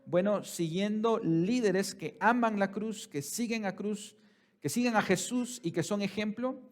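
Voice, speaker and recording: High-voiced pastor preaching. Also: male voice. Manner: preaching with sudden swings from quiet and slow to loud and high; addresses the congregation as brothers, asking them questions. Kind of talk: sermon.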